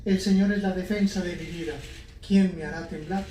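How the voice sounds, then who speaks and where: A man's voice: high voice, steady tone, fairly quick, dark tone. A man reading scripture and psalms as a lector, solemn and formal, in an echoing church. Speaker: lector at Mass. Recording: echoey church, distant mic, faint noise.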